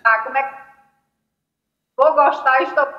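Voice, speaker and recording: A woman's voice: sits high, fairly even intonation, a little slow. A woman from Northeast Brazil calling in as a guest, her audio cutting out and dropping words. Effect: choppy call audio that keeps cutting out, words dropping. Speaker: call-in guest. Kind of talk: casual chat over a call. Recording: choppy, dull, echoey call line.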